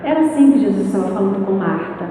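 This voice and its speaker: A middle-aged woman with a Brazilian Portuguese accent preaching a lively sermon, asking the congregation questions and acting out voices. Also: medium pitch, quick pace. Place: church hall. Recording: echoey hall, from far off.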